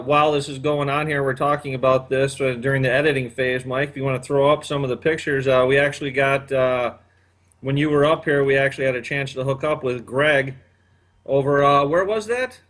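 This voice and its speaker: A man's voice: medium pitch, brisk, fairly bright tone. Rambling fifty-something male host. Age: 50s. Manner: rambling, many "uh" fillers. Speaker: podcast host. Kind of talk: casual chat.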